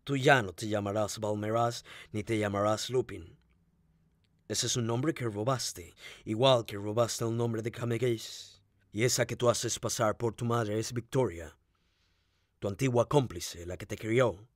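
A man's voice: medium pitch, moderate pace, fairly bright tone, dry recording, clean studio sound, pitched below the performer's own voice, natural voice. A man voicing a proud, ironic English detective who speaks coldly and mockingly in an audiobook reading. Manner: cold, mocking and threatening.

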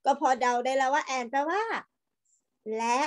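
A woman teaching a young children's class over a video call, patient and coaxing, repeating each word slowly so the pupils can follow. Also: sits high. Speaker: primary school English teacher.

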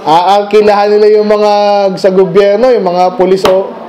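A man's voice: high-pitched, flat delivery, moderate pace, mellow, poor audio. A man with a Filipino accent, preaching a midweek Bible study sermon in a conversational way, full of rhetorical questions and English phrases. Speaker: pastor. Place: church meeting room.

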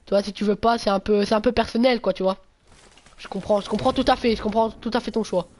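A male streamer, chatting casually with viewers during a live game, full of slang and swearing, with sudden loud yelps. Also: sits high, fairly even intonation, fast. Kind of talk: casual gameplay livestream chat.

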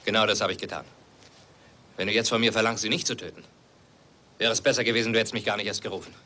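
An actor playing a calm, firm half-Native man who gives orders, in a film dub. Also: fairly low pitch, quick pace. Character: grown half-Native man, steady and commanding.

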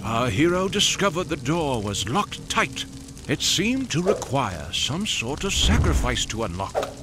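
A man's voice: on the high side, big pitch swings, a little slow. A man narrating a game in a wry, mock-heroic storytelling manner. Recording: game audio under loud music.

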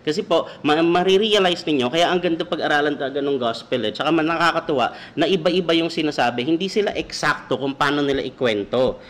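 A man's voice: fairly high pitch, quick pace. A man with a Filipino accent hosting a comedic Bible study livestream, joking and checking in with his audience. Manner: jokey, animated, keeps checking in with the audience. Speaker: devotional show host.

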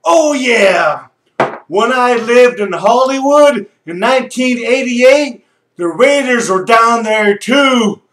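A raspy, middle-aged man with a strikingly high voice hollers like a die-hard fan at a game. He takes his time and stretches his words out. The sound is roomy and echoey, with guitar playing behind him. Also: animated, slow. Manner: loud, brash, hollering. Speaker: sports fan vlogger. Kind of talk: rowdy fan video with shouting and singing. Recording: echoey room with guitar music.

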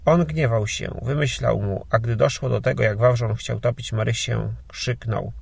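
Gravelly male audiobook narrator. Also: medium pitch, fairly even intonation, moderate pace, no echo. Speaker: audiobook reader.

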